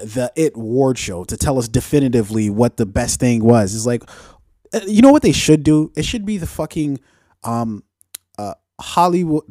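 A man's voice: medium pitch, mellow, no echo, studio quality. A man chatting casually as a podcast co-host, blunt and profane, often checking that the listener follows. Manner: blunt, profane ranting with frequent check-in tags. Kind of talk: casual opinionated podcast chat.

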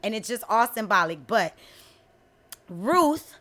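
Bright-voiced, animated, blunt woman. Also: medium pitch, slow pace. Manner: animated storyteller, frank and blunt, acts out quotes. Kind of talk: casual chat.

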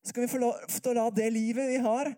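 A man delivers a sermon in an easy, conversational manner rather than a shouting one. His voice is warm and mellow. He keeps turning to his listeners with rhetorical questions. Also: very high-pitched, level tone. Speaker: preacher.

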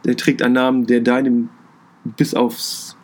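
A young man with a northern German accent, co-hosting a casual podcast, telling stories animatedly and jumping high in pitch when he quotes people. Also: a little slow. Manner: animated storyteller, acts out quotes with sudden high pitch jumps. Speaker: podcast co-host. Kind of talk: casual chat.

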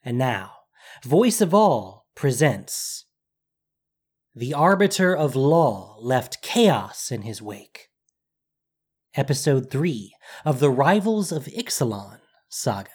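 Animated fantasy story narrator. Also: medium pitch, slow pace, slightly rough. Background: background music.

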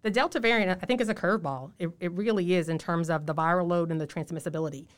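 A woman speaking through a face mask as a health official in an interview, explaining in a measured way and stressing key points. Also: lowish voice. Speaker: public health official, podcast guest. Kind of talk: informative podcast interview.

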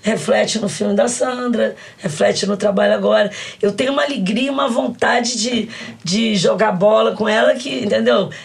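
A woman's voice: medium pitch, normal speed, vocal fry. A Brazilian woman in her sixties, an actress telling stories in an interview, crying and laughing as she talks. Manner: expressive, storytelling, laughs while talking. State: tearful, crying while speaking. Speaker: actress and guest. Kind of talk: emotional interview talk.

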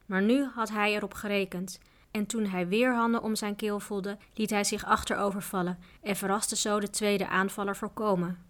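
A woman narrating a children's adventure book aloud in a steady, even reading voice. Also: mid-range voice, normal speed. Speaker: audiobook reader. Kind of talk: storybook narration.

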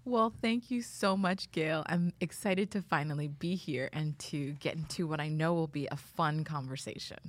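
A woman from Canada, a tech leader and former attorney, answering interview questions in a measured, articulate way in a studio. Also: sits low, no room sound.

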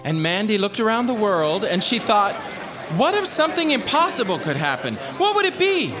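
A man's voice: sits high, big pitch swings, moderate pace, over music, crowd noise. An actor playing a weary, sarcastic male storyteller in an audio drama. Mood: storytelling. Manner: sardonic, deflated.

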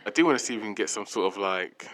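A man's voice: on the low side, expressive, racing, fairly bright tone. A young man with a London roadman accent and slangy speech, chatting casually as a podcast co-host. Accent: London, urban street slang. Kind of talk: casual group chat.

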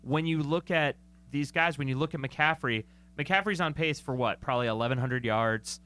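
A man talks football in a loose, conversational way, stopping to rephrase and throwing in jokes. His pitch sits in an ordinary middle range. He sounds like a co-host on a sports podcast. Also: moderate pace, bright, forceful tone. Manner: chatty, self-correcting, joking. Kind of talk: casual sports talk.

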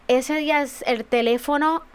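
A woman's voice: high-pitched, steady tone, moderate pace. A woman, a guest telling an emotional personal testimony on a radio talk show, with many fillers. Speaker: guest author and speaker.

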